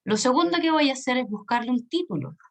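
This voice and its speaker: A woman's voice: high voice, animated, fast talker. A woman teaches an online English lesson. She explains patiently, repeats key points and keeps checking that the students follow.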